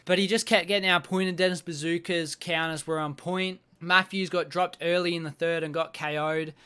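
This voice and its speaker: Foul-mouthed ranting man, bright clear voice. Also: a little high, fairly even intonation, normal speed. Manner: blunt, swears constantly, rants at fighters. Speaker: MMA recap host. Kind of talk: profane casual fight recap.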